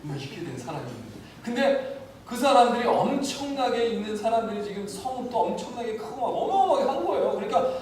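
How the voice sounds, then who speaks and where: Animated Korean pastor in echoey church. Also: male voice, extremely high pitch, a little fast. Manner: animated preaching, acts out voices of the people and God. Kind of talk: sermon. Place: church sanctuary. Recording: very echoey church hall, mic from a distance, faint noise.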